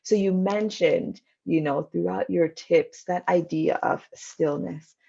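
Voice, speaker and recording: A woman's voice: on the low side, slow pace, gravelly, mellow, lo-fi sound. A woman from Canada hosting an interview, summing up her guest's points in an affirming way with many fillers. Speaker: podcast host. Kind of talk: interview host recap.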